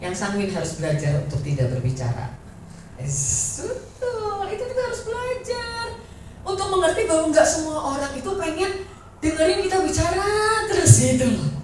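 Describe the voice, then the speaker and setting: A woman pastor preaching a sermon in a lively, conversational way, acting out quoted voices. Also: sits high, fairly quick, slight background noise. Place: church hall. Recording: echoey church hall from far off.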